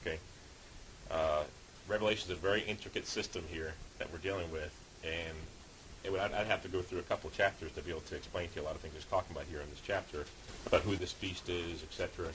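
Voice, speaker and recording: This street preacher reads Bible passages and explains them in an informal, teaching manner. His voice is low and fairly even in intonation, moving at a quick pace over hissy background noise.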